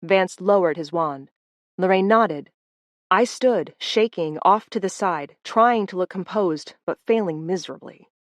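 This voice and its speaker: A woman narrating a first-person audiobook in a steady, expressive storytelling voice. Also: lowish voice, measured pace, no room sound.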